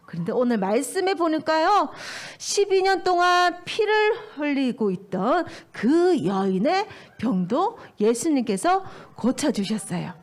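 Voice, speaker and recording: Lively high-voiced woman telling a children's sermon. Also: measured pace, few pauses. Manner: animated, exaggerated storytelling with quoted voices. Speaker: children's ministry preacher. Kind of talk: storytelling sermon for young children.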